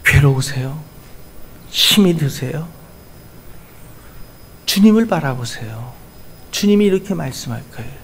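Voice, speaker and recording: Male pastor, sermon, fairly high voice, earnest, loud then soft, faint background hiss. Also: expressive, measured pace, pauses often. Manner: earnest, swinging between loud urging and soft asides. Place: church.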